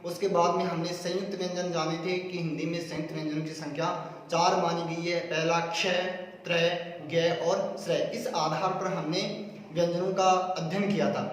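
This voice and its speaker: A man with a fairly high voice teaches a classroom grammar lesson, going step by step and repeating each term. He sounds out the example sounds himself as he explains them. The recording is distant and washed in the long echo of a large room. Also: level tone, normal speed. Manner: methodical, repeats terms and demonstrates sounds aloud. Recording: echoey hall, recorded from far off.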